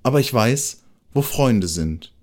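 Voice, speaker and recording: A man voicing a gentle, earnest male mole who talks in a timid, humble way. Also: medium pitch, lively intonation, takes it slowly. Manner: timid, dreamy, speaks softly and humbly.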